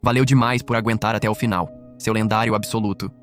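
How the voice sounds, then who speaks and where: A man's voice: fairly low pitch, fairly even intonation, quick pace, soft background music. A man reading a scripted anime recap as narrator, with a wry, joking delivery.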